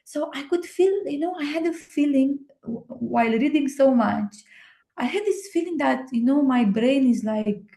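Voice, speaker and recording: A young woman from Romania speaking English with a Romanian accent, chatting as a guest in a hesitant, excited way with many fillers. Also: sits high, moderate pace, creaky. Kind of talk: casual conversation. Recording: echoey room.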